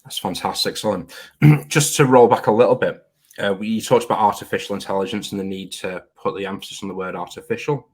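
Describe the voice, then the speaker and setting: Deep, husky-voiced male podcast host. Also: fast talker. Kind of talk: interview questions.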